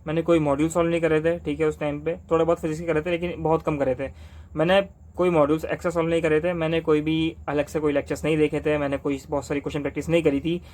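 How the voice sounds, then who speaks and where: A young man from Delhi giving exam study advice to camera in fast, insistent casual talk, repeating points with rhetorical questions. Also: fairly high pitch, level tone, a little mellow. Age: young adult.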